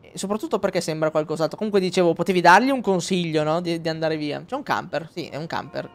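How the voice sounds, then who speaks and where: A man's voice: a little high, quick pace. A man streaming a video game, casually commenting, rambling and swearing with jokes as he plays. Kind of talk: casual let's-play commentary.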